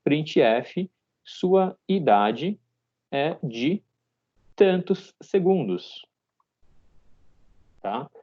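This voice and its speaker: A man in his thirties, a teacher walking students through code step by step in a live online class and often checking in with a quick "tá?". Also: on the high side, sing-song, lo-fi sound. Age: 30s. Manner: explains step by step, ends phrases with a checking "tá?". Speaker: programming teacher.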